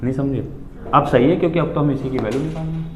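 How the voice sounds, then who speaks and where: A man's voice: mid-range voice, fast talker, roomy sound, a crowd in the background. A man teaching a maths class, questioning his students and calling them "beta" as he works through the steps.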